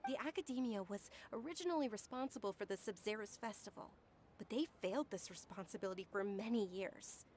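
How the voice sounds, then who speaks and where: An actress voicing a hopeful, sincere young woman organizing a festival in a dubbed game, soft and heartfelt. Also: medium pitch, brisk, faint music behind, natural voice.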